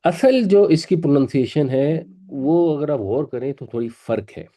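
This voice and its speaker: In this classroom lesson, a man's slightly high, expressive, mellow voice leads a Quran class. He patiently goes over pronunciation and says words again for his students.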